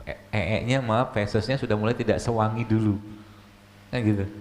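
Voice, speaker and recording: A middle-aged man, a doctor giving a casual, lively religious health talk to an audience. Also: moderate pace. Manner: lively, conversational, frequent pitch jumps; tag questions and colloquial fillers.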